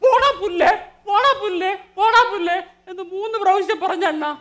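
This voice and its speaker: A man's voice: very high-pitched, a little fast, a bit bright. A man playing a naive, bumbling young sidekick who whines to his elder brother in a live comedy skit. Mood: whiny. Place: live stage show.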